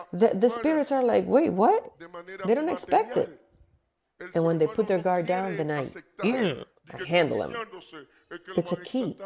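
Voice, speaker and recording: A woman delivering a sermon in an emphatic style, repeating her key phrases for weight. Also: mid-range voice.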